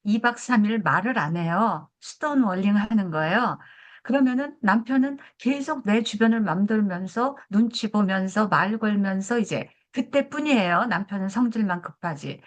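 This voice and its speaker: A woman in her seventies, a family therapy professor, lecturing in a conversational way and telling a story from her own marriage. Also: medium pitch. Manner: conversational, asks listeners for agreement.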